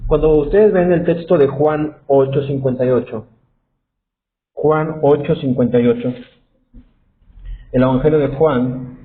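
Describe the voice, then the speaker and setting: Male preacher, slightly high-pitched, reads verses and asks the room questions, self-corrects often; tinny, phone-band audio. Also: unhurried, pauses often, echoey room. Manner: reads scripture aloud and explains it, asks the audience questions; frequent fillers and self-corrections. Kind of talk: Bible teaching to a congregation.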